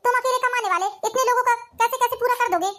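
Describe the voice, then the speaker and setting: Shrill scheming cartoon wife, quick and pushy, woman voicing her. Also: a bit bright. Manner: persuasive, insistent. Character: scheming young pregnant wife, sharp-tongued. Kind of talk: Hindi cartoon family drama.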